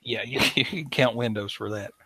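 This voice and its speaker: A man's voice: medium pitch, moderate pace, bright, forceful tone, husky, no room sound. A man with a Southern US accent, talking in a laid-back way as a podcast co-host in a casual chat.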